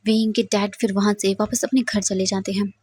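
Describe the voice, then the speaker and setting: A woman retelling a fan fiction story in steady, plain narration. Her voice is breathy at a middle pitch. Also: brisk. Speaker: fanfiction storyteller.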